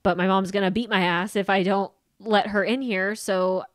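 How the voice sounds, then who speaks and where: Sitting close to a boom-arm microphone in a small podcast studio, this woman co-hosts a casual, opinionated conversation, swearing freely and mimicking others' dialogue. She speaks at normal speed with a medium pitch and steady tone, and there's no room sound.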